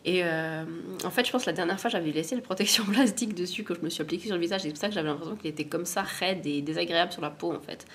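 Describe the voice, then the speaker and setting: A woman with a cold, her voice sitting on the low side, talks casually and at length. She rambles and laughs at her own clumsiness. A faint hiss of background noise runs under her voice. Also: very fast, few pauses. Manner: chatty, rambling, self-deprecating. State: has a cold. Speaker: beauty vlogger. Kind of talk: casual product review chat.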